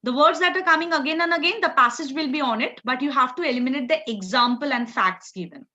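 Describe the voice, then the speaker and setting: High, bright North Indian woman teacher. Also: fast. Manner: encouraging, repeats short praise to students. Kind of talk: live online exam-prep class. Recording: slightly dull, lo-fi audio.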